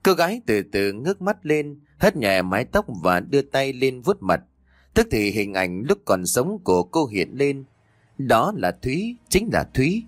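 A man narrating a scripted ghost story in a dramatic, expressive storytelling manner on a close mic. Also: medium pitch, normal speed, no echo.

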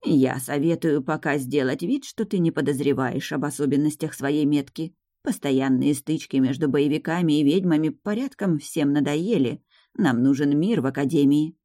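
A woman reading the part of a stern old grandmother who is a powerful high witch, speaking slowly and with command. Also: warm tone, no room sound, clean studio sound. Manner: slow, measured, commanding.

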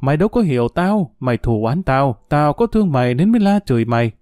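A bitter older woman, drunk and cursing, drawls her grievances in a slow, coarse grumble, voiced by a male reader. The sound is dry and close, in a storybook reading. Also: mid-range voice, big pitch swings, darkish tone, no echo, close to an everyday voice. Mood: scolding.

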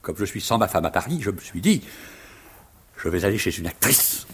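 An actor playing a flustered, stammering middle-aged provincial rhetoric teacher in a 1950s stage comedy. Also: male voice, sits low, big pitch swings, normal speed, slightly rough, full character voice. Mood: confiding. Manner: stammering, fussy, rambling.

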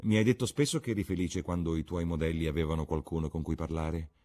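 A man's voice: very deep voice, fairly even intonation, fast talker, dark tone. A man doing a cynical witty aristocrat. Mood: urbane. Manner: ironic, lecturing. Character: witty aristocratic older gentleman, cynical, languid.

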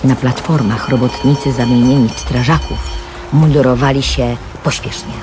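A man reading a classic novel aloud in steady, clear literary narration for an audiobook. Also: mid-range voice, moderate pace. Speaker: audiobook reader.

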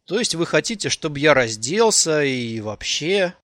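A man voicing an awkward teenage boy who answers haltingly and shyly in an audiobook. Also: sits high, lively intonation, no room sound, studio quality, pitched above the performer's own voice. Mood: hesitant. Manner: hesitant, halting.

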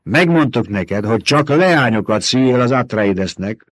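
A man's voice: medium pitch, lively intonation, no echo, pitched above the performer's own voice, natural voice. A man doing a scornful old reverend mother. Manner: mocking and domineering.

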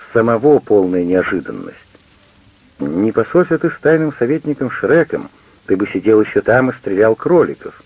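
A man with a gravelly, husky voice voicing an indignant, hurt middle-aged wife who argues with her husband in an audiobook. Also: on the low side, no echo, muffled recording, heavily acted. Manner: reproachful, heated, pleading.

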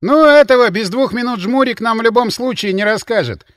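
A man's voice: very high voice, lively intonation, a little fast, a bit bright, pitched above the performer's own voice. A man voicing a grumbling, mocking spy-catcher. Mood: irritated. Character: gruff sarcastic male counterintelligence officer.

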